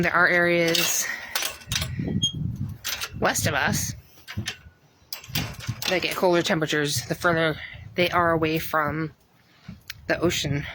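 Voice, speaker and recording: A woman's voice: sits low, background noise. A woman talking in a rambling, chatty way on a casual garden tour, filming herself outdoors with a phone while out of breath. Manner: rambling, many ums, chatty. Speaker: gardening vlogger.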